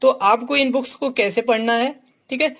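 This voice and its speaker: A man's voice: very high voice, moderate pace, creaky, a bit bright. Frank male coach, constant "theek"s. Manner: fills nearly every phrase with "ठीक"; talks straight to students, calling them "my dear". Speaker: exam coach reviewing books. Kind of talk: casual teaching talk.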